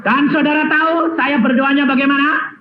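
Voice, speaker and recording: An older male evangelist, preaching a testimony sermon that swings from shouted lines to hushed ones. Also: very high voice, fairly even intonation, moderate pace, a crowd in the background. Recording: dull lo-fi sermon recording with faint hiss.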